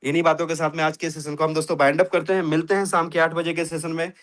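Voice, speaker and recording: A man's voice: fairly high pitch, little pitch movement, fast talker, fairly bright tone. A man hosting a network marketing session on a video call, preaching and emphatic, often calling his listeners friends. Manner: preachy and emphatic, repeats "dosto". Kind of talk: motivational pitch on a video call.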